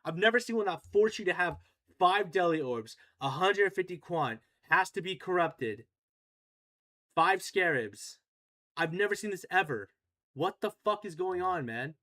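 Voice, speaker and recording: A man's voice: high-pitched, animated, a little slow, bright, forceful tone. Swearing, frustrated male game streamer. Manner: profane, frustrated ranting. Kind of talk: live game stream commentary.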